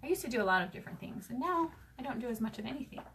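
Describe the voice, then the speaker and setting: A woman hosting a casual sewing tutorial at home, talking fast and chatty with lots of fillers. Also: a little high, animated, fairly bright tone, low-quality recording. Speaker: craft show host demonstrating sewing. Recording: clear background noise with clicks.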